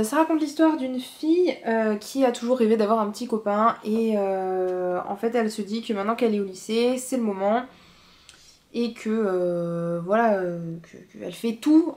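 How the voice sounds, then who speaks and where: A young woman talks casually to her viewers about books she wants to read. Her delivery is relaxed and chatty, full of small hesitations and fillers, at a middling pitch. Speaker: manga vlogger. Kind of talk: casual book review chat.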